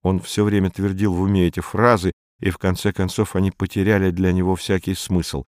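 Deep voiced guy reading an audiobook chapter, steady and even, dry close mic. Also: a little fast, dry recording. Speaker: audiobook narrator. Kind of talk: scripted narration.

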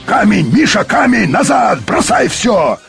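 A brash, impatient man who yells in a high, strained voice, as a male audiobook reader puts him on. His pitch leaps around wildly, and faint music runs underneath. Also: moderate pace, creaky. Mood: shouting. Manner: shouting, high and excited.

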